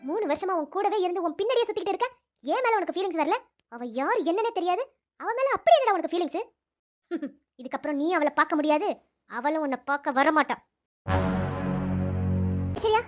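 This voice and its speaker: An earnest young female doctor in a cartoon, voiced by a woman talks persuasively. The voice is very high-pitched and quick. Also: expressive, soft background music. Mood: mocking. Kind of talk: cartoon voice acting.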